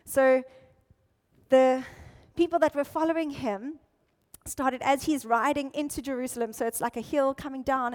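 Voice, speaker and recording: A woman pastor giving an animated, conversational sermon. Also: sits high. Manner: animated, conversational Bible teaching. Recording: long hall reverb.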